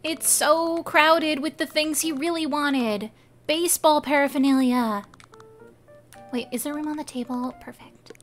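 A woman's voice: sits high, unhurried. A young woman streaming a game, chatting casually with her viewers, giggling often. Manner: giggly, chatty, talks to chat. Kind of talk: casual live game commentary.

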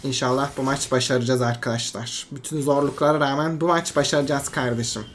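Excitable gamer narrating own match. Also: mid-range voice, fast talker, a little hiss or hum. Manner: excitable, swings between frustration and hype, talks himself calm. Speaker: game streamer. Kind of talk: live gameplay commentary.

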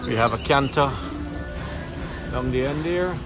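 A man's voice: mid-range voice, unhurried, loud music behind the voice. A middle-aged man with a Guyanese accent giving chatty, upbeat vlog commentary while filming on a phone held at arm's length outside a busy wharf. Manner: chatty, upbeat, Creole-tinged phrasing. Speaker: vlogger. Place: busy outdoor wharf street with trucks. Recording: outdoor street noise behind.

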